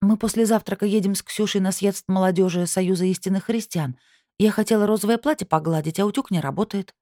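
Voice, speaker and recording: A woman's voice: mid-range voice, quick pace, dark tone, no echo, studio quality, voice pushed up, close to an everyday voice. A woman reading an audiobook, voicing a plaintive young woman who whines about a broken iron.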